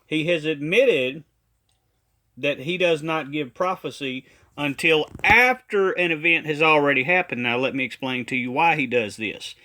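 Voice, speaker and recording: A man from a ministry giving a critical commentary monologue, talking emphatically and deliberately and repeating his points. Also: fairly high pitch, sharp tone.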